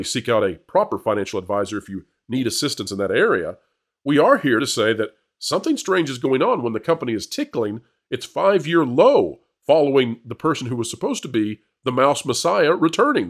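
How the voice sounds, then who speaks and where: The host of an entertainment business news channel leads commentary and panel talk with an emphatic, wordy presenter's style. His mid-range voice is very animated and fairly quick.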